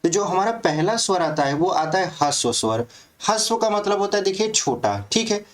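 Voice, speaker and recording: ऊँची आवाज़ वाले पुरुष शिक्षक. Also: male voice, high-pitched, animated, normal speed. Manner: explains step by step, often checks "ठीक है?". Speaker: teacher. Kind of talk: exam-prep grammar lesson.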